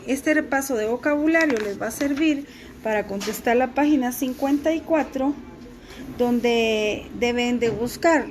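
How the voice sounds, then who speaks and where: Woman teacher recording a lesson, high voice, really slow careful delivery. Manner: slow, deliberate, spelling out pronunciation. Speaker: language teacher. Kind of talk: recorded class lesson for students.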